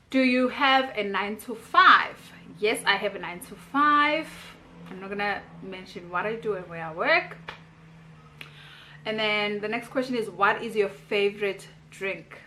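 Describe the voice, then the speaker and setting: A thirtysomething South African woman records a relaxed YouTube vlog, reading questions and replying to them so viewers can get to know her. Her pitch is medium and her tone is sharp.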